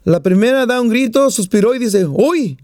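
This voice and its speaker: A man's voice: extremely high pitch, a little fast, a little mellow, no echo, clean studio sound. A man preaching a sermon, mixing scripture and prayer with jokes and small stories. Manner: joking storyteller, plays out little voices.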